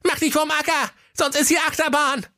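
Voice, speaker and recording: Brief: angry old nanny goat played by a man, high shrill voice. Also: steady tone, a little fast, pushed and bright, exaggerated voice. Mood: furious. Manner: shrill scolding, hurls insults. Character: furious scolding old mother goat.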